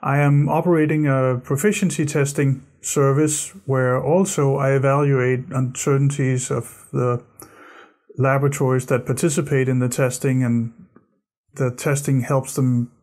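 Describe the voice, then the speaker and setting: A middle-aged Danish instructor gives a recorded course lecture to camera in a studio. He speaks in a medium-pitched, darkish voice, gesturing as he explains and often repeating words.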